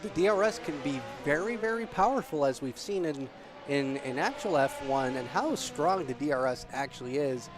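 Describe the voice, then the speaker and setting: A man works as a motorsport commentator, calling a race live. His voice sits a little high and his delivery is excitable, lifting with the action. Prominent music plays behind him. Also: normal speed. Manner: excitable, voice rising with the on-track action. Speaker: motorsport commentator in an online sim racing broadcast.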